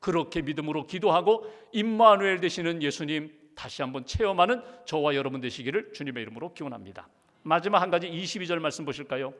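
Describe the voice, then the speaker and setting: A man's voice: on the high side, expressive, fast talker, a bit bright. A middle-aged man, a pastor, preaching a sermon with earnest conviction, at times pleading in prayer. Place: large church sanctuary. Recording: church hall reverb.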